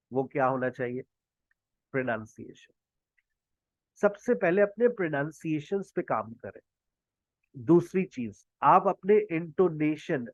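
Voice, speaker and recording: A Pakistani man whose native language is Punjabi teaches spoken English in an online video-call class, slowly quizzing students and modeling English phrases. His voice is high with no room sound, and the call audio is dull and lo-fi.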